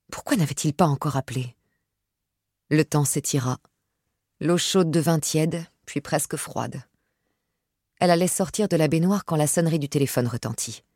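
A woman narrating an audiobook in a measured, steady reading voice with a husky grain. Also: low voice, no room sound, studio quality.

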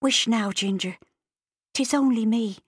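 A woman's voice: a little high, unhurried, husky, no room sound, studio quality, pitched above the performer's own voice. A woman reading an audiobook, voicing an anxious, polite fourteen-year-old farm girl. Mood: earnest.

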